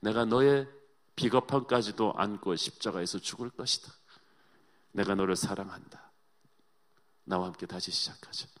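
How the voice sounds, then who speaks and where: A preacher voicing a gentle, forgiving divine teacher who speaks softly and then rises into earnest pleading. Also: male voice, fairly low pitch, fairly even intonation, normal speed, pauses often, close to an everyday voice. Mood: tender. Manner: soft, compassionate, rising to pleading.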